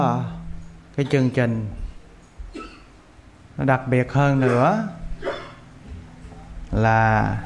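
A Buddhist monk speaking slowly and gently to a lay congregation in a temple, pausing often as he talks. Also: mid-range voice, a little hiss or hum. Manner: slow, gentle, with frequent hesitations. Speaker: Buddhist monk giving a Dharma talk. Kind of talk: Dharma talk to a lay congregation.

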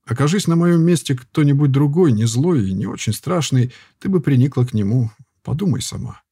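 A man reading an audiobook voices a weary former warrior turned herbalist, talking softly and patiently with frequent sighs. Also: medium pitch, expressive, a little fast, husky, no echo, clean studio sound. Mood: reasoning. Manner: soft, patient, sighing.

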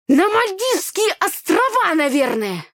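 A woman's voice: very high voice, big pitch swings, measured pace, fairly bright tone, no room sound, studio quality, pitched above the performer's own voice, heavily acted. A woman reading an audiobook, voicing a grumpy younger brother who snaps and sulks. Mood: cross. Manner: sulky and snapping. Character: younger brother, a cross grumbling boy.

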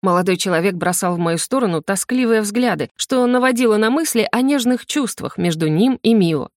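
A woman narrating a first-person audiobook with an ironic, lively manner. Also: medium pitch, a little fast, no echo, clean studio sound.

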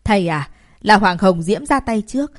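A woman voicing a proud young female martial artist who talks back forcefully and indignantly. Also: medium pitch, expressive, moderate pace, close to an everyday voice.

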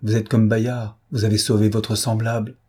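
Platon, a man doing a gentle teasing suitor. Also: lowish voice, flat delivery, moderate pace, husky. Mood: tender teasing. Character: calm, gentle young suitor, teasing and sure. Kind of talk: audiobook character reading.

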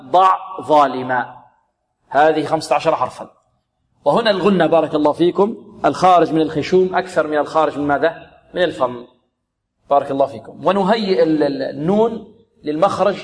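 A man teaching Quran recitation rules, patiently drilling each sound slowly and answering his own questions. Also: fairly high pitch, long reverb tail. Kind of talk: tajweed lesson with recited examples.

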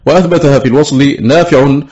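A man reading aloud a classical scholarly text, listing names and readings in a measured, even manner. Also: medium pitch, dull audio. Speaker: audiobook reader.

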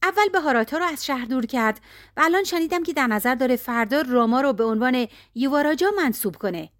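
A woman's voice: animated, no echo, studio quality. A woman voicing a scheming spiteful maidservant. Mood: urgent scheming. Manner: urgent, insistent, raised pitch.

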